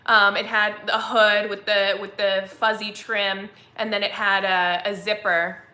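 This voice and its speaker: A woman's voice: mid-range voice, flat delivery, unhurried, bright, forceful tone. A woman in her twenties hosting a casual live chat, rambling and chatty with lots of "like" fillers, at home. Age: 20s. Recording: echoey room.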